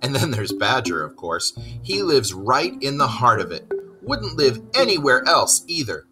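A man's voice: mid-range voice, sing-song, a little slow, over music, voice pushed up. A man voicing a cheerful, self-assured male water rat who talks in a chatty, hearty way in a storybook reading. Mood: wary. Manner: chatty and hearty, hesitant when wary.

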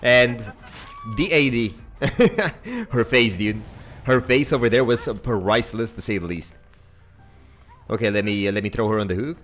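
A young man casually commentating his own gameplay, chatty and excitable, swearing now and then and talking to his viewers. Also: mid-range voice, unhurried, long pauses, soft background music. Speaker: game streamer.

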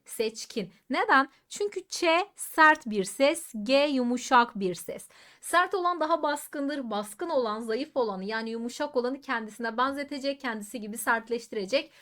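A woman with a somewhat high voice teaches an exam-prep grammar lesson. She is emphatic and says words over slowly to show how they sound. She keeps turning to her students with questions. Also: fairly bright tone. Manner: addresses students directly with questions.

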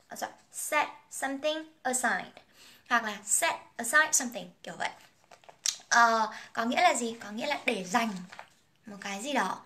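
A woman's voice: fairly high pitch, pushed and bright. A young woman whose first language is Vietnamese, teaching an English song, explaining phrases and pronunciation and singing lines in a casual, chatty way.

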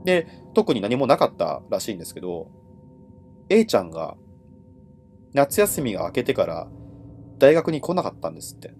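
Man telling ghost stories, wildly swinging pitch. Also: big pitch swings, normal speed, pauses often, darkish tone, a little hiss or hum. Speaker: horror storyteller and host. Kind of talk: live ghost-story telling in casual conversational speech.

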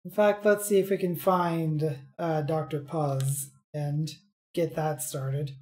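Low-voiced woman streaming, unhurried. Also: steady tone, a little mellow. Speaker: video game streamer. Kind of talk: casual gameplay commentary.

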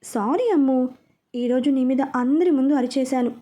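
Lady reading out a sweet teasing young guy in a storybook romance, keeps saying sorry, high mellow voice. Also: moderate pace. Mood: tender. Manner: coaxing, apologetic. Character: young man, loving teasing fiancé.

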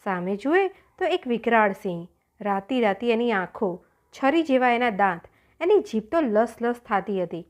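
A woman narrating a children's audiobook story, with an expressive, storytelling manner. Her voice sits fairly high and rises and falls with lively, animated pitch. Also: unhurried.

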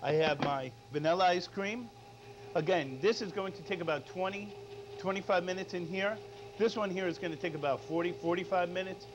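A middle-aged male chef with a high-pitched, brisk voice gives an unscripted cooking demonstration in a studio kitchen, often checking in with tag questions like "all right?". He's recorded on a lapel mic, and the audio is dull and lo-fi with background noise.

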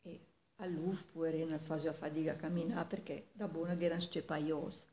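A woman's voice: sits low, flat delivery, brisk, warm tone, slight background noise. A woman in her seventies with a Milanese accent tells an old folk tale like a storyteller at home. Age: 70s. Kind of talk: oral folk tale told in Milanese dialect. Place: living room at home, indoors. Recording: echoey room, distant microphone.

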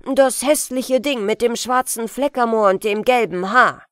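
A woman voicing a young bewitched boy in a bedtime fairy tale, speaking loudly and bluntly. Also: a little high, measured pace, dry recording, clean studio sound. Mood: cold defiant.

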